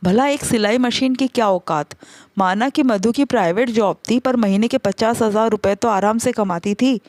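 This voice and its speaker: A woman narrating a scripted family story in a steady, measured way. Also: a little high, no room sound.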